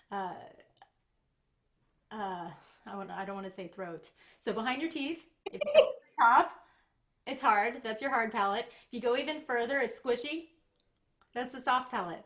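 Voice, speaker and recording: A woman with a fairly high voice teaches singing technique over a video call. She explains patiently and encourages as she goes, now and then demonstrating a sound herself. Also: fairly bright tone. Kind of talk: online master class coaching.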